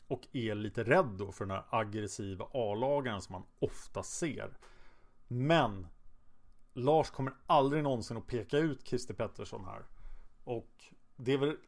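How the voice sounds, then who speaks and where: A man's voice: mid-range voice, expressive, darkish tone. A man narrating a true-crime story in a casual, conversational way, with hesitant fillers now and then. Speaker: podcast narrator.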